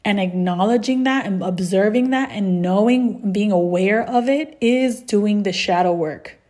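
A woman hosting her own podcast and talking straight to her listeners. Her voice sits at a middle pitch, and her delivery is casual. She laughs easily and often asks "right?" to keep them with her. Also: a little slow, a little mellow. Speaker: podcast host. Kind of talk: solo podcast talk.

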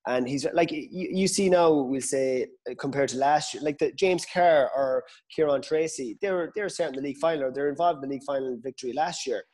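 A man's voice: on the high side, brisk, few pauses, darkish tone. A man chatting about sport as a podcast guest, hesitant and often repeating words as he thinks aloud. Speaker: podcast guest, Gaelic football pundit. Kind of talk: casual sports discussion.

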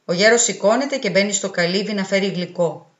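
Woman calmly reading a short story, mid pitch, roomy muffled recording, faint music. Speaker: audiobook reader. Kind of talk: literary narration.

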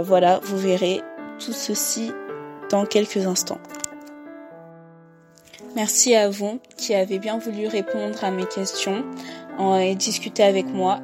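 A woman's voice: mid-range voice, warm tone. Hesitant woman hosting a podcast. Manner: hesitant, many fillers and restarts. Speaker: podcast host and interviewer. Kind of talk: casual spoken introduction.

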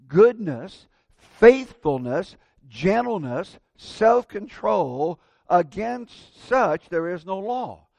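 A man preaching a sermon at a pulpit microphone, earnest and measured, slowing down to stress key words. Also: high-pitched, vocal fry, a little mellow, no echo.

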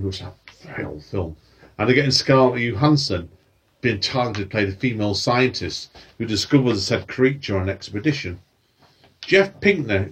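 Very husky man hosting. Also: on the low side, recorded from a distance. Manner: chatty, loses his words, asks questions. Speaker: podcast host. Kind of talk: casual film and TV chat.

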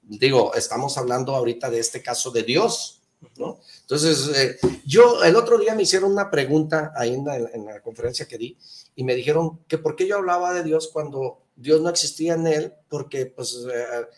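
A man's voice: mid-range voice, normal speed. A man, a speaker who gives conferences, talking in a casual faith discussion and retelling a joke in folksy voices.

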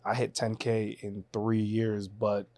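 A man in his twenties from Haiti, a podcast guest telling his story in a relaxed, casual way. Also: lowish voice, takes it slowly. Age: 20s. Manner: relaxed, storytelling, laughs easily.

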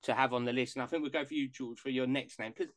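A man's voice: medium pitch, steady tone, fast talker, no room sound. A man hosting a casual podcast chat, jokey and rambling. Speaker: podcast host.

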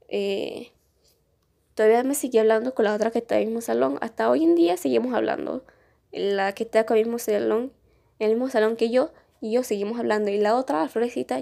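A woman's voice: on the high side, gravelly, warm tone. A young woman telling a school story in a casual, rambling podcast chat. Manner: rambling, many restarts and fillers.

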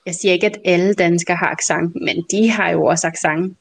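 A Danish woman co-hosting a podcast, telling stories in a casual, animated way and laughing often. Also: lowish voice, vocal fry. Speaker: podcast co-host. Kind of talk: casual conversational storytelling.

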